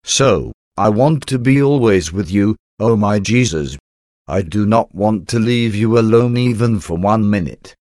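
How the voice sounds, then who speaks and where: Male reader for a devotional prayer, lowish voice, slow reverent delivery, dry recording. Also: a little mellow, no room sound. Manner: slow, reverent, measured recitation.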